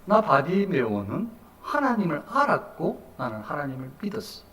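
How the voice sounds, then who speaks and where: A male preacher voicing a blind beggar who is unashamed and determined, speaking quietly in an echoey hall. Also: on the high side, big pitch swings, normal speed. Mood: resolute. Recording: echoey hall, distant mic.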